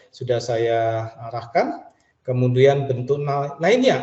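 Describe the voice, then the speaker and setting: A man teaches a French lesson over a webinar, going over each phrase slowly and repeating it with a lift at the end. His voice is mellow and dark. The audio is dull and sounds like it was picked up in an echoey room. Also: medium pitch.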